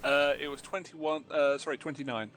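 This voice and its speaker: A man's voice: a little high, steady tone, moderate pace, a bit bright, faint music behind. A man running a tabletop game as dungeon master, hesitant with fillers.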